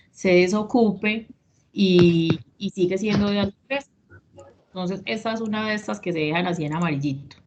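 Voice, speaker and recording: A woman, an instructor explaining a lesson in an online class and checking that her students follow. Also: medium pitch. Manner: explanatory, checks understanding with questions. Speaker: instructor of a risk management course. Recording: dull lo-fi online call audio with faint noise.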